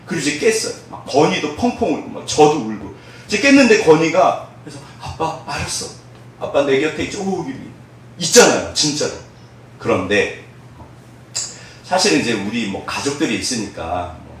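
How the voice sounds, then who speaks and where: A man preaching a sermon as pastor, telling a story with big swings between loud and hushed speech. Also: mid-range voice, big pitch swings, moderate pace, slight background noise. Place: church sanctuary. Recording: very echoey hall, voice from far off.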